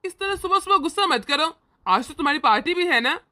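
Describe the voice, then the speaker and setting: A woman's voice: high-pitched, expressive, brisk, pushed and bright. A woman voicing a doting older brother who talks in an indulgent, reassuring way, in a homemade family drama.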